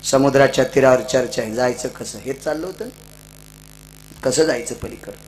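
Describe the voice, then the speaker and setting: A middle-aged man with a Marathi accent, preaching a devotional story-sermon, swinging from loud, high outbursts to quiet murmurs. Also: moderate pace, soft background music, low-quality recording. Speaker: kirtan preacher. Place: live religious gathering.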